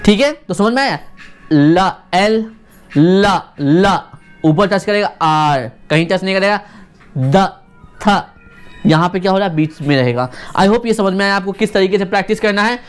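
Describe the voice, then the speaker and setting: A pronunciation teacher giving an online video lesson, repeating sounds many times in a slow, deliberate demonstration and coaching the viewer with questions. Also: medium pitch, expressive, smooth, faint music behind.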